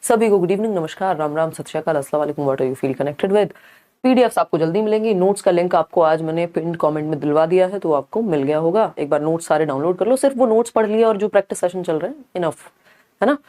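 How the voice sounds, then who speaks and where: A woman with a lowish, dark-toned voice and a quick pace teaches a live online exam-prep class. She's chatty, mixes English into her Hindi, and frequently asks the class to confirm, checking back with viewers often.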